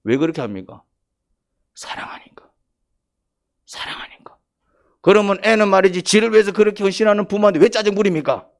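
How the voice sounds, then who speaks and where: A Gyeongsang-accented male pastor with a slightly high voice preaches a sermon in thick dialect. He drops to near-whispers, then bursts into loud, emphatic lines. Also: expressive, very fast, hardly any pauses. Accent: Gyeongsang Korean. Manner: dialect-heavy, emphatic, swings from quiet to loud.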